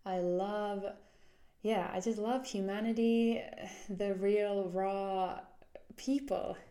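Hosting her solo podcast, a Finnish woman in her twenties speaks unhurriedly with a Finnish accent in a soft, mellow, mid-range voice with fairly even intonation. She is earnest and frequently circles back to restart phrases while searching for words.

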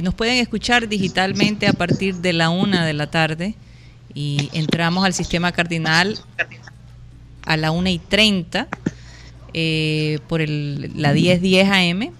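High, bright male host. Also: a little hiss or hum. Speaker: radio show host. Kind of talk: conversational sports radio hosting.

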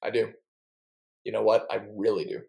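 A man's voice: on the low side, normal speed, creaky, darkish tone, poor audio. A young man co-hosting a casual chat, telling stories in a chatty, jokey way and playfully mangling words. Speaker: podcast co-host.

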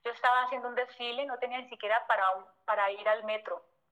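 A woman's voice: fairly high pitch, steady tone, fast talker, fairly bright tone, lo-fi sound. A woman with a Mexican accent, a former model, telling a personal story in an emotional, vivid way and acting out old conversations. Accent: Mexican Spanish. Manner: emotional, vivid retelling that acts out past conversations, frequent "o sea" fillers.

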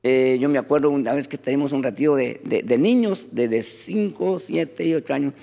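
A man preaching a sermon as pastor, animated and often addressing the congregation as brothers. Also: medium pitch, normal speed, vocal fry, long reverb tail.

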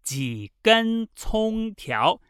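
A teacher reading a vocabulary lesson, saying each word clearly and repeating it twice. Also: mid-range voice, very animated, very slow, a bit bright, dry recording, studio quality. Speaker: Mandarin teacher. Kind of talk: slow bilingual vocabulary lesson.

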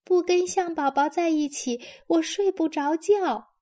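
A woman reading a storybook, voicing a small lost teddy bear that cries for help in a high pleading voice. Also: unhurried, mellow.

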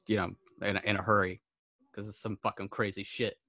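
Low-voiced man playing a tabletop game. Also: level tone, brisk, sharp tone, no room sound. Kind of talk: casual role-play chat.

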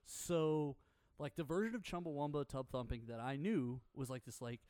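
A man in his thirties co-hosting a radio show, casually telling rambling, animated anecdotes and acting out bits. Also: on the high side, moderate pace, no echo. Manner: animated storyteller, acts out sounds and quotes. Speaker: radio co-host.

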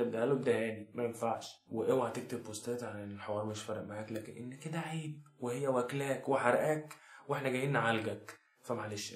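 A young man with an Egyptian accent delivering a sarcastic, mock-serious comic advice monologue to the camera. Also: mid-range voice. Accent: Egyptian Arabic. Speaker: comedy vlogger. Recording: echoey room.

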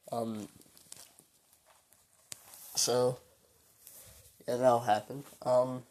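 A man's voice: medium pitch, little pitch movement, extremely slow, long pauses, darkish tone. Weary young man rambling into a phone. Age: late teens. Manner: hesitant, full of ums and trailing sighs. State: weary and low. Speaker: solo podcaster. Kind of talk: rambling casual monologue.

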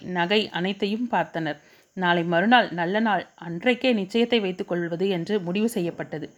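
Woman narrating a romance audiobook. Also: medium pitch. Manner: steady, storytelling.

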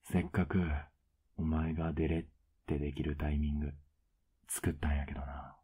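Whispered role-play, male voice actor as a doting older boyfriend: husky, very low, flat and coaxing. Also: moderate pace, heavily acted. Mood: teasing tender. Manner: teasing, soft-spoken, coaxing.

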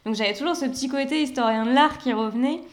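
Young woman from Brittany, former shop worker, lively anecdotes, slightly high pitch. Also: fast talker. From Brittany, France. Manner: animated storytelling with acted-out quotes. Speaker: former retail saleswoman. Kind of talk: casual chat.

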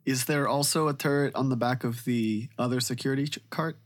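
A man plays in a tabletop game session. He talks in a halting way, stopping and restarting often, at an ordinary middle pitch. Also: steady tone. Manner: hesitant, halting, many restarts. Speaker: player.

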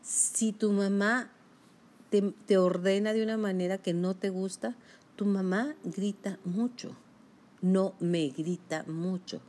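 A woman's voice: mid-range voice, slow, darkish tone. A woman giving a self-help talk, speaking emphatically and straight to the listener. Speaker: motivational speaker.

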